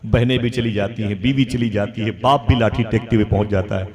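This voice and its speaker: An Islamic preacher delivers an emotional religious sermon at an outdoor public gathering, swinging between loud exclamations and hushed storytelling while putting questions to his listeners. His voice is on the low side, brisk, with fairly even intonation. Crowd noise from the gathering is audible.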